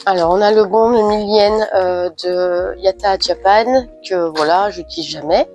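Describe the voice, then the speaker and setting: A woman with a head cold talks through an unboxing in a relaxed, chatty way, her voice stuffy and nasal. She stops often with hesitant fillers, her pitch sits in the middle, and soft music plays faintly behind her. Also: unhurried. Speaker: unboxing vlogger. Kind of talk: casual unboxing chat.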